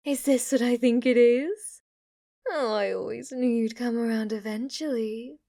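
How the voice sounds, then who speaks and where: A woman takes the role of a demon maid obsessed with her master in an intimate ASMR piece, flirty and submissive, fanatically adoring, now and then slipping into breathy whispers. Her mood is flirty and delighted; her voice is fairly high, warm and unhurried.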